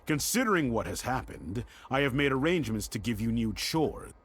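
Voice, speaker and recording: A man's voice: mid-range voice, animated, fairly quick, breathy edge. An actor playing a stern middle-aged director of a girls' home, formal and scolding, in a dramatic video game scene. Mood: stern, concerned.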